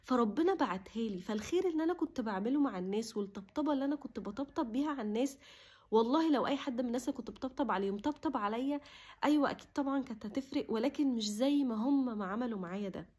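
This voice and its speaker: Husky-voiced young woman talking heartfelt and fast. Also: a little high, expressive. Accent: Egyptian Arabic. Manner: emotional, heartfelt, drops to a soft whisper at times. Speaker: vlogger. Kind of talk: casual personal talk to camera.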